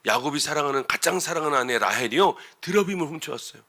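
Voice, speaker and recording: Male pastor, middle-aged, bright forceful tone, chatty sermon full of rhetorical questions. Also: on the high side, animated, fast. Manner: conversational preaching with rhetorical questions, rising to emphatic outbursts. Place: church sanctuary.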